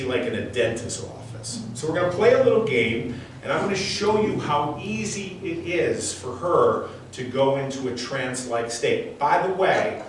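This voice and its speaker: In a large, very echoey room before a live audience, an intense male mind reader and stage performer delivers a motivational talk with an audience demonstration. His voice is mid-range, picked up by a distant mic with faint noise.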